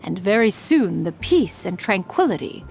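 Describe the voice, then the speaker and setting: A woman's voice: mid-range voice, very animated, moderate pace, creaky, a little mellow, soft background music. A woman voicing a haughty, eccentric female immortal crane spirit and inventor in a video game, speaking formally and calling herself "one". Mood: lofty. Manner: formal, archaic speech, calls herself "one"; haughty yet teasing. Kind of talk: video game character voice lines.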